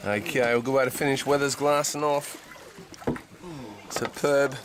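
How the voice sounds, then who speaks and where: A man's voice: medium pitch, steady tone, measured pace. A man with an Australian accent and a laconic outback drawl, giving casual, slangy running commentary as a fishing host. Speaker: fishing charter host filming the trip. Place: outdoors on a fishing boat at sea. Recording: noisy open-air boat recording. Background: boat and water noise.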